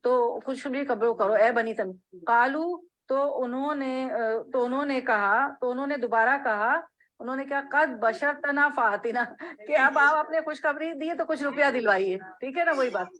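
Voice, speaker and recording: A woman's voice: high voice, a bit bright, poor audio. A woman teaching a religious class, reading a text line by line, explaining each phrase and checking that her students follow. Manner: reads Arabic then explains in Urdu phrase by phrase. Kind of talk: hadith class lecture.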